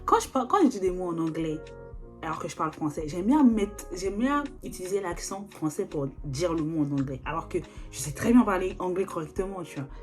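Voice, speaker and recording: A woman's voice: lowish voice, lively intonation, brisk. Young woman, slangy casual vlog chat, lots of fillers, phone recording, faint background music. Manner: chatty, slangy, full of fillers. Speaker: vlogger. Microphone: phone or video call.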